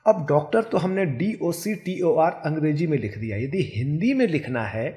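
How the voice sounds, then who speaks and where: A man's voice: on the high side, lively intonation, moderate pace, dark tone. A man teaching a Hindi grammar lesson, patiently spelling out sounds and example words one at a time.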